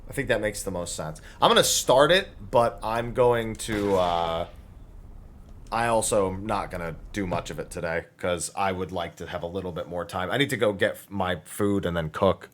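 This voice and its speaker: A man with a low-pitched voice streams a video game at a moderate pace, casually commentating live. He thinks aloud about his plans, swears freely, and laughs at the game.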